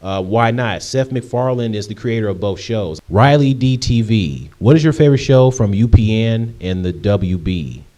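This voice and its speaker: Low, mellow-voiced young man chatting. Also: expressive, moderate pace, few pauses. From Michigan, USA. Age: 20s. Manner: chatty, repeats himself, frequent ums and restarts. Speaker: YouTuber answering viewer questions. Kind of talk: casual Q&A vlog.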